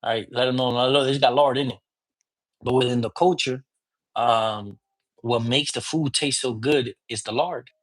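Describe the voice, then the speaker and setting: A priest teaching divination talks through spiritual practice in a loose, conversational way, mixing Spanish words into his English and often checking in with "you get me?" His voice sits in the ordinary middle range, with fairly even intonation and a moderate pace.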